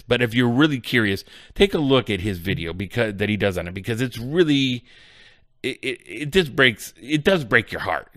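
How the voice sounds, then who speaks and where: A man's voice: fairly low pitch, fairly bright tone, clear, resonant tone, no room sound, studio quality. A man hosting a casual solo gaming podcast, rambling and ranting in exasperation. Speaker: podcast host.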